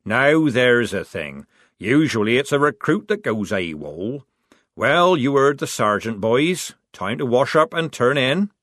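A man's voice: medium pitch, big pitch swings, measured pace, a bit bright, no echo, studio quality, voice pushed up. Brief: man voicing a mouthy young recruit, brash and mocking, storybook reading.

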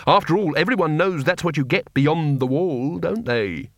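A man's voice: on the high side, lively intonation, moderate pace, no room sound, studio quality. A man voicing a nervous male wizard who talks hesitantly, as if working it out aloud.

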